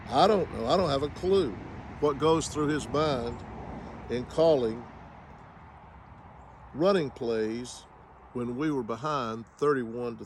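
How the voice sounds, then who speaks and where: A man's voice: fairly high pitch, slight background noise. A man giving a casual spoken review of a football game, with wry, sarcastic humor.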